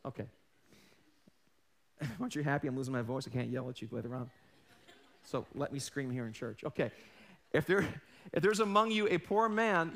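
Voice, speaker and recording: A forties-aged pastor delivers an emphatic, animated sermon from a big church stage, his voice giving out as he shifts from loud to hushed. He calls out questions to the congregation, and his voice sits on the high side.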